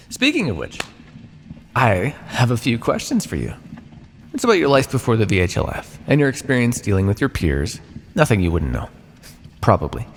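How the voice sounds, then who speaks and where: Playing an ancient vampire captor in an ASMR roleplay, a man taunts his prisoner in a smug, patronising, coaxing and probing way. His pitch swings very widely and sinks into a gravelly creak, with theatrical pauses. Long reverb rings around his voice over a noisy background.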